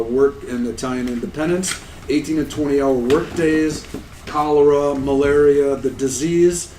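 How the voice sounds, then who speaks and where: An American conference presenter in his sixties gives an anecdotal academic talk in a lecture room, relaxed, self-deprecating, and often amused. His medium-pitched voice sounds roomy and slightly remote because the mic is distant, with echo and faint background noise.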